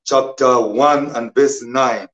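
A man preaching a sermon as a pastor, speaking slowly and emphatically and repeating his scripture references. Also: mid-range voice, fairly even intonation, a bit bright, lo-fi sound.

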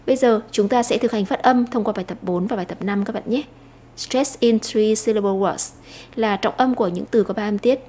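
A Vietnamese woman teacher explaining an English lesson, slowing down to read English phrases aloud. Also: medium pitch, warm tone.

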